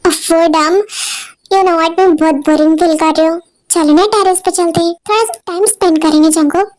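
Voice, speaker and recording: A woman's voice: extremely high pitch, steady tone, moderate pace, darkish tone, dry recording. A woman voicing a pushy young childhood friend who talks in a pleading, wheedling way.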